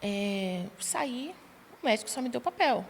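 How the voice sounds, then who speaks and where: A young adult woman, a podcast guest, tells her personal testimony in a lively way and acts out the dialogue she quotes. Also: a little high, measured pace. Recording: long reverb, faint background noise.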